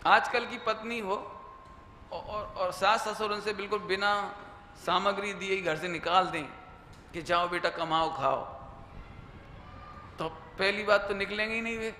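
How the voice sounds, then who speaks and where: A man giving a Jain sermon to an audience, lively and conversational, mixing in English phrases and acting out quoted lines. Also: sits high, moderate pace. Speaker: Jain preacher. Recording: echoey hall with faint noise.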